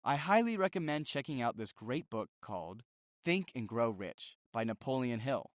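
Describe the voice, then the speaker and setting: Male audiobook narrator, measured and emphatic, lively pitch, dry close recording. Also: no room sound. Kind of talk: scripted narration.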